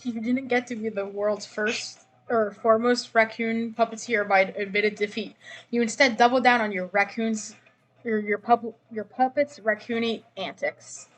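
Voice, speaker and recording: Slightly high-voiced woman narrating a game. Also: steady tone, normal speed, rough recording. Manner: casual, stumbles over words. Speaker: player reading game narration aloud. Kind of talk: second-person comic narration, read aloud. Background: music.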